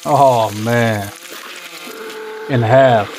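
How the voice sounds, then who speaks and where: A man's voice: mid-range voice, very slow, noisy background. A young man giving casual, blunt and profane reaction commentary as a video host. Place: small room indoors.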